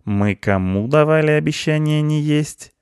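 A man voicing a lazy, smug male ginger cat with a slow drawl. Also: a little high, darkish tone, clear, resonant tone, no echo, clean studio sound, pitched above the performer's own voice.

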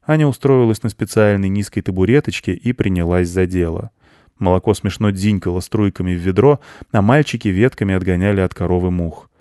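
A man with a lowish voice narrates a children's storybook in a calm, even telling. The recording is dry and close, with no room sound. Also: a little fast, no room sound. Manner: calm storytelling, plain farmer voice for dialogue.

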